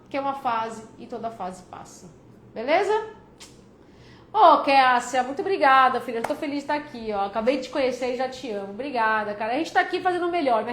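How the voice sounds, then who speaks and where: This is a woman with a São Paulo accent and a high voice, hosting a relaxed live stream about getting out of debt. She talks to her viewers warmly and familiarly, joking as she answers their questions. Her voice rings in a reverberant room with a faint hum of noise behind it. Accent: São Paulo Brazilian Portuguese. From São Paulo, Brazil. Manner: chatty and joking, calls viewers "filha" and "cara".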